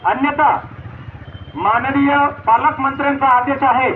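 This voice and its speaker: A man making a formal public announcement over a loudspeaker mounted on a rickshaw, repeating an official notice. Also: very high voice, unhurried. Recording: echoey, dull loudspeaker sound with faint noise.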